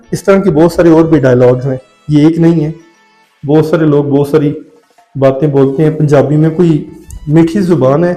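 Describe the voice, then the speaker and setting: Pakistani guy walking thru a house for sale, rambly chatty vlog talk, kinda high but dark mellow voice, bit of music behind. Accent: Pakistani Urdu. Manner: chatty, digressive, often adds "theek hai". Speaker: vlogger touring a house for sale. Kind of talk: casual walk-through commentary. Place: indoors and on a rooftop of a house.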